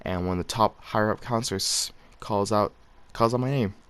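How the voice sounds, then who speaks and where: A man's voice: fairly low pitch, moderate pace, fairly bright tone, clear, resonant tone. A man casually telling a personal story to his viewers, slangy and rambling, often chuckling as he goes. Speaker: vlogger.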